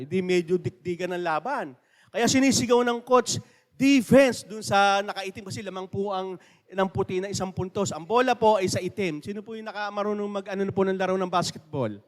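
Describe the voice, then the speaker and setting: Male pastor preaching in a church, kind of high voice, big long reverb from the hall, chatty and keeps asking the crowd questions. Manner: conversational preaching, asks the congregation questions. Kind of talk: sermon. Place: church sanctuary.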